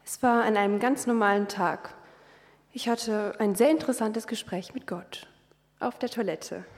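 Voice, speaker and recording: A young woman, a trainee housekeeper, giving a candid, colloquial personal testimony to a congregation. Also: medium pitch. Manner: candid, lively storytelling with colloquial words. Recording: long reverb of a hall.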